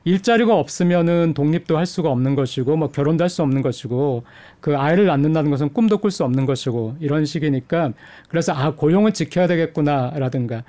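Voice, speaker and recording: Middle-aged male professor, slightly high voice, mellow, measured, hesitant fillers, interview guest. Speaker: economics professor, studio guest. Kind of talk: explanatory interview answers.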